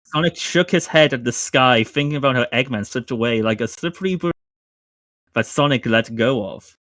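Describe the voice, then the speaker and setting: A man's voice: mid-range voice, fairly bright tone, no room sound. Dry-sounding man reading fanfic aloud. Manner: narrates haltingly, breaks into laughter. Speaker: podcast host.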